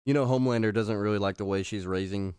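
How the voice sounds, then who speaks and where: A man's voice: fairly low pitch, fast, darkish tone, clear, resonant tone, no echo, studio quality. A man co-hosting a podcast in loose casual chat, swearing and saying "bro". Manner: loose, profane, says "bro" a lot. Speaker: podcast co-host.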